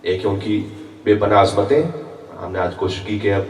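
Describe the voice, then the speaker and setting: Speaking in a lowish voice with little pitch movement, a male guest preacher addresses a religious gathering, mixing chanted quotations into his teaching. The recording was made far away in a large hall full of echo.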